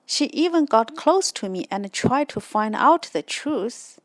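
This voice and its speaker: Slow, soft-spoken woman. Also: on the high side, lively intonation, no room sound. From China. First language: Chinese. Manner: patient, explains slowly with examples. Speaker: host. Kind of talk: educational explanation.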